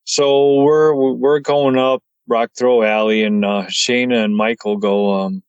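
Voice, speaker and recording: A man telling his story as a podcast guest, excited and stumbling over his words as he gets wound up. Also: medium pitch, slow, smooth, dry recording, highs cut off.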